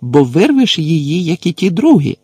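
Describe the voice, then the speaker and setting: A hulking, soft-hearted half-giant, as a male narrator puts him on, calling out loudly in a raised, gravelly voice. He coaxes and scolds in homely, folksy speech. It is a storybook reading in a dry, close sound. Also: a little high, big pitch swings, a little slow, dry recording, voice pushed up, exaggerated voice. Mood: shouting. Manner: loud coaxing shouts, folksy speech. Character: huge gentle half-giant man, gruff, fussing.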